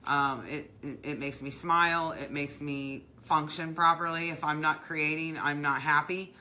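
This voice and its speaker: A woman's voice: deep voice, steady tone, a little slow, pushed and bright. A middle-aged woman hosting a craft livestream, talking in a heartfelt, rambling way with many fillers and restarts. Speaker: craft business owner, livestream host. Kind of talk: casual live-stream chat.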